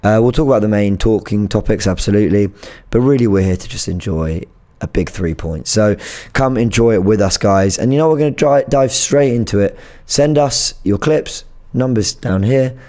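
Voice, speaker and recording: A man with a low, hoarse voice that sounds worn out. He presents a fan channel in a casual way, with a dark, mellow tone. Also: moderate pace. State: hoarse, lost voice.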